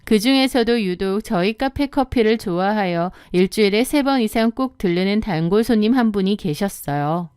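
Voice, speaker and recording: A woman narrating a first-person story as an audiobook, in a calm, even storytelling manner. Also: medium pitch, normal speed, few pauses, smooth, dry recording, clean studio sound.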